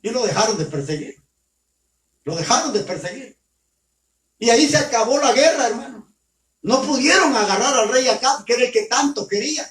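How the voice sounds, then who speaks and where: A man preaching, retelling a scripture story in an animated way and speaking directly to his listeners as brothers. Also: extremely high pitch, normal speed, long pauses. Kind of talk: sermon storytelling. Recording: roomy sound from far off.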